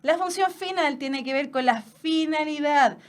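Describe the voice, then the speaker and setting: A woman's voice: high voice, unhurried. A woman with a Chilean accent teaching an online exam-prep class, explaining each point with everyday examples and repeating ideas in other words.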